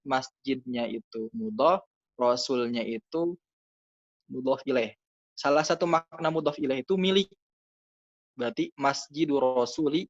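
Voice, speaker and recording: An Arabic grammar teacher, a man with a mid-range voice, goes over grammar answers patiently and chattily, sprinkling in fillers and plenty of "gitu ya." The recording is dull and dry, close-miked with no room echo.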